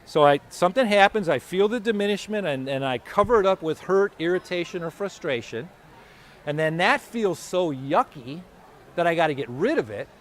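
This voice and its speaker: Animated man giving a live talk. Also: high-pitched, moderate pace. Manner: animated, conversational, acts out his own inner voice. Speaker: motivational speaker. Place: expo hall or venue.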